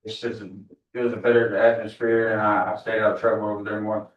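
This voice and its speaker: A man in his twenties testifies with very monotone, lowish speech and deferential, clipped answers. The audio is dull, echoey and distant, as in a courtroom. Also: a little fast. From Texas, United States. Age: 20s. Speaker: defendant testifying as witness. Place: indoor courtroom.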